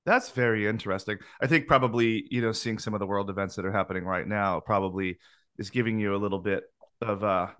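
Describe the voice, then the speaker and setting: A man's voice: fairly low pitch, fast, a bit bright. Easygoing man hosting an interview. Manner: easygoing, repeats words when starting. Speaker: podcast host.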